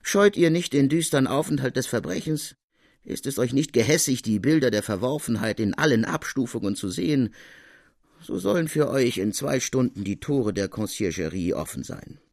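A man's voice: medium pitch, animated, normal speed, creaky, a little mellow, no room sound, clean studio sound. A man voicing a stern, suspicious court president who speaks in a cold, insinuating way. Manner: cold, insinuating, with a venomous smile.

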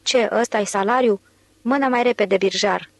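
A woman narrator voicing a burly, indignant engineer yelling at his cab driver. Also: mid-range voice, no room sound, close to an everyday voice. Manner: shouting, indignant.

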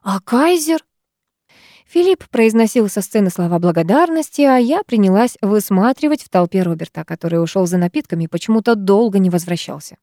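A woman's voice: fast talker, few pauses, no room sound, studio quality. A woman narrating a novel as an audiobook, lifting her voice for the heroine and her friends. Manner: lively, raising pitch for the heroine and her friends. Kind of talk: audiobook reading with character voices.

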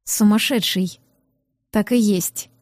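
A woman voicing a brooding, menacing young man in a clipped, lowered growl. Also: takes it slowly, no echo, clean studio sound, lightly acted.

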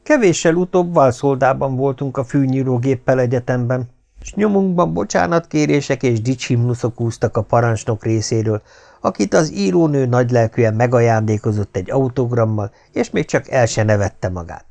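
A man narrating an audiobook in a wry, expressive storytelling manner. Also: mid-range voice, creaky.

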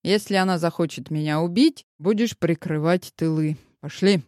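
A brash, sardonic police colonel, as a woman narrator puts him on, teasing and bossy. The read is close and dry, in a lowish voice. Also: normal speed, darkish tone, no room sound, lightly acted. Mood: mocking.

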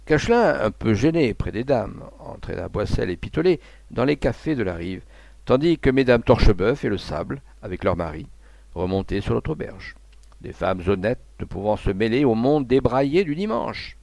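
A man reading a classic novella aloud in a measured literary manner. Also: medium pitch, lively intonation, vocal fry, darkish tone, no room sound. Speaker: narrator.

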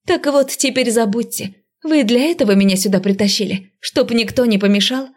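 A woman voicing a fiery, sarcastic young female first-year magic student in an audiobook, talking sharp and defiant. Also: mid-range voice, normal speed, natural voice. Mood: indignant. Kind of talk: audiobook character voice.

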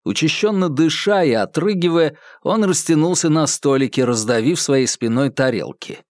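Man, audiobook narrator, dramatic reading, lively pitch, close dry recording. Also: moderate pace, no room sound.

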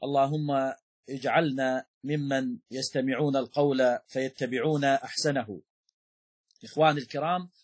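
A man teaching a lesson on Islamic jurisprudence in a measured, explanatory way, repeating key terms and pausing with fillers as he thinks. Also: a little high, breathy edge. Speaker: sheikh teaching Shafi'i jurisprudence. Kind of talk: religious lesson, explanatory lecture.

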